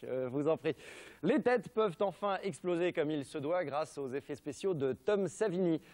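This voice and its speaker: A French-accented male TV host presents film history with ironic, mock-serious humour. He drops jokey asides in a slightly high-pitched voice. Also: animated, moderate pace, a little mellow. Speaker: television show host.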